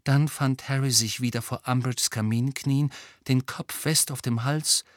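A man's voice: mid-range voice, steady tone, measured pace, no echo. Man reading an audiobook, dry close sound. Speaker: audiobook narrator. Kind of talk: scripted narration.

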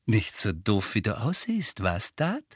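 A man's voice: lowish voice, wildly swooping pitch, unhurried, breathy edge, dry recording, heavily acted. A man voicing a cool, sarcastic teenage boy who mocks his cousin. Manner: dry mocking sarcasm.

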